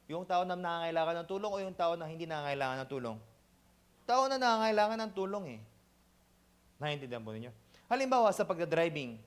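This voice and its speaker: A man preaching an animated sermon as pastor at a church service. He switches between two languages, acts out little dialogues and keeps checking in with the congregation. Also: a little high, quick pace, smooth. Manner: asks the congregation "Amen?".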